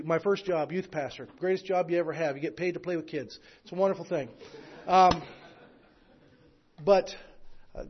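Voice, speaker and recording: Male missionary preacher, high voice, earnest, halting restarts, muffled lo-fi recording. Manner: earnest, with rising preaching intensity; hesitant, with repeated restarts. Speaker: missionary speaker. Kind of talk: sermon.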